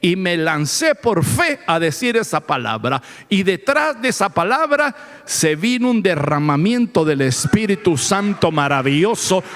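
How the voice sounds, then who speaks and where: Male pastor, fervent preaching, high voice, lively swooping pitch, echoing church hall. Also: measured pace. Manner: fervent, dramatic retelling with rising shouts; addresses the congregation directly. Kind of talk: sermon testimony. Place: church sanctuary. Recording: long reverb of a church hall.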